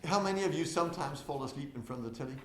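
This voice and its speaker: A man giving a lively conference talk to an audience, who keeps asking them questions and swings from loud to soft on purpose. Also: on the high side, racing. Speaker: conference speaker. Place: windowless conference hall. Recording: echoey hall with faint noise.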